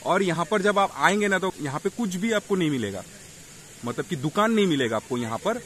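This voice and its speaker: A man's voice: high voice, animated, brisk, a bit bright. A young man narrating a travel vlog at a rocky waterfall, chatting and showing viewers around, with a phone camera held at arm's length. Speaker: vlogger. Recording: outdoor noise behind.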